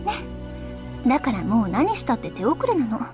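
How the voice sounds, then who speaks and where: A flirty, teasing teacher. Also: female voice, on the high side, sing-song, fast, over music. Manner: teasing, sing-song. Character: flirty teasing female teacher, playful, seductive. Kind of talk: anime game voice acting.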